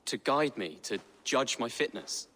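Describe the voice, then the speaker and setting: A man's voice: mid-range voice, lively intonation, measured pace, pushed and bright, big-room sound, a little hiss or hum. A man voicing a young nobleman heir in video game dialogue, formal and earnest in how he speaks.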